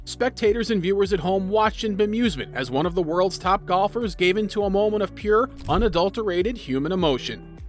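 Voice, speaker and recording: A male narrator with a notably high voice delivers dramatic, scripted storytelling for video, animated and fairly quick, with music underneath.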